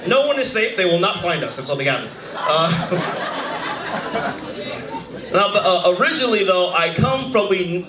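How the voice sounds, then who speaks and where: A man in his thirties doing a stand-up comedy set, animated and shouting his punchlines. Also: sits high, background noise. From United States. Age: 30s. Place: comedy club stage before a live audience. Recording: roomy club with crowd laughter. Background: audience laughing.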